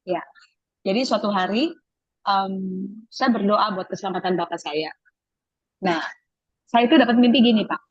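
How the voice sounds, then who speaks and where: A middle-aged woman giving a personal faith testimony as an interview guest, telling her story in an animated way and acting out the voices she quotes. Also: medium pitch, moderate pace, long pauses, no room sound. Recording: dull lo-fi sound.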